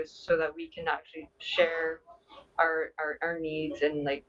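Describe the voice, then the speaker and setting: Low-pitched young woman on a distant mic. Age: young adult. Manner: hesitant, repeating words as she goes. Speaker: interview guest, dog team owner. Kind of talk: conversational interview answers. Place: large busy indoor meeting hall. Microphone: video call. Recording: muffled video call, distant microphone.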